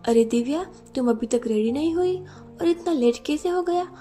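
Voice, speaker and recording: A woman's voice: high voice, expressive, moderate pace, mellow, faint music behind, voice pushed up. A woman voicing a mother mildly scolding her daughter in a narrated storybook.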